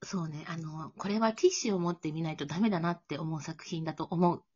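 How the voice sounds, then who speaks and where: Husky Kansai woman, easygoing chat. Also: deep voice, fast talker, darkish tone, highs cut off. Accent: Kansai Japanese. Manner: playful, easygoing, laughs often. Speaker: podcast co-host. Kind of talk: casual chat.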